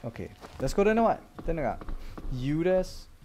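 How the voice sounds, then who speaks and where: A man's voice: a little high, sing-song, a little mellow, a little hiss or hum. A young man with a Danish accent giving casual, jumpy commentary while playing a horror game, slipping English slang into his talk. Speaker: gaming YouTuber.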